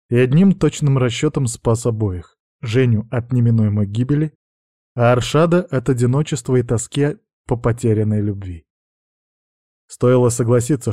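A man narrating an audiobook in an even, measured reading. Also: mid-range voice, dry recording, studio quality. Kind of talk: scripted narration.

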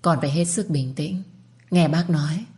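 A woman's voice: deep voice, moderate pace, darkish tone. A woman voicing a worried older aunt who speaks urgently and motherly. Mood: calm. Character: worried older aunt, caring but stern.

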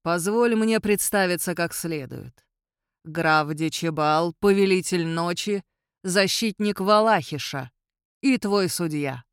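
A woman reading an audiobook voices an ancient male vampire count who speaks in a quiet, measured and coolly superior way. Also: sits high, smooth, no room sound, clean studio sound, heavily acted. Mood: calm, solemn. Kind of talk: audiobook character voice.

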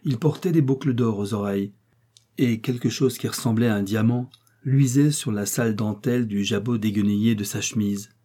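Un homme qui lit un roman à voix haute, d'un ton posé et régulier. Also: male voice, fairly low pitch, moderate pace, dark tone, husky. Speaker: audiobook narrator. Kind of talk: audiobook reading of a novel.

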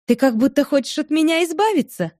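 A woman's voice: high-pitched, animated, a little fast, darkish tone, dry recording, clean studio sound, pitched above the performer's own voice. A woman reading an audiobook, voicing a capricious young wife who pleads and reproaches in a raised voice. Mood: playful, pleading. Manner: pleading, reproachful, playful turning angry. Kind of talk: audiobook character voice.

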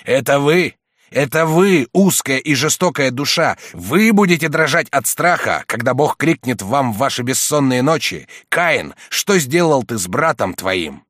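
Storybook figure: man reading as a stern old cardinal, rebuking and forceful, dry close sound. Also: medium pitch, animated, fairly quick, dry recording, lightly acted. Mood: reproachful.

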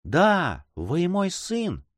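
A man's voice: high voice, huge pitch swings, very slow, dry recording, studio quality, pitched above the performer's own voice, heavily acted. A man voicing a rapturous noble mother.

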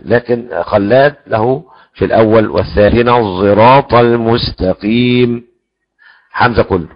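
Male Quran teacher, gravelly, explanatory, chants examples, dull lo-fi sound. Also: on the low side. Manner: explanatory, slows to chant recited verses. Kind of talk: religious lesson on Quran readings.

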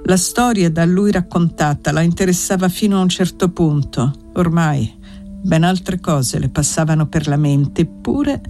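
An audiobook reader narrating a classic novel in a measured, even storytelling manner. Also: medium pitch, faint music behind. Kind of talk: literary narration read aloud.

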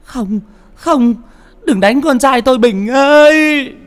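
A man voicing a grief-stricken mother who wails in terror at ghosts, in shrill sobbing cries, in an audiobook. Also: takes it slowly. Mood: anguished.

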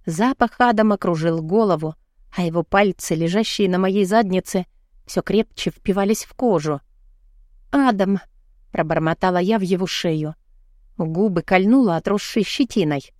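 A woman reading a first-person novel aloud as an audiobook narrator, expressive, with her voice lifting high for the heroine's lines. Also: no room sound, clean studio sound.

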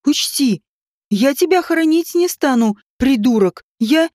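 A woman's voice: sits high, animated, measured pace, a little mellow, no room sound, clean studio sound. A woman reading an audiobook voices a frightened young man who whines and panics. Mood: panicked. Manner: panicky, whining.

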